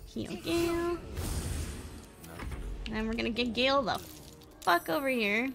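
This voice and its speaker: A woman's voice: a little high, animated, unhurried, gravelly. A woman streamer giving playful, chatty live gameplay commentary, swearing now and then and giggling at her own jokes. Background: game music.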